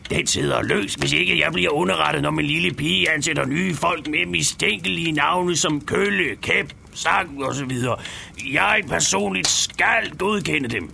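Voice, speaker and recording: A man's voice: on the high side, sharp tone, exaggerated voice. An actor voicing a blustering male farm owner in a cartoon dub, barking orders in a commanding way. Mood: demanding. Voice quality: gravelly. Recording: hissy old dub track.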